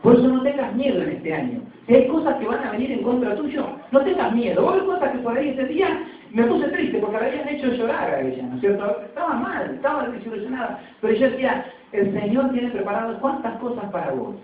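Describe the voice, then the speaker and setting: A man's voice: very high-pitched, sing-song, a little fast. A man with an Argentine accent preaching a fervent sermon in a church, often tagging "right?" onto his phrases. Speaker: pastor. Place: church hall. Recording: tinny, echoey hall from far off.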